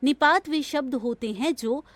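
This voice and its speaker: A woman reading a grammar lesson from a textbook in a slow, measured, even delivery. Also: high voice, dry recording. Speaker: textbook audio reader.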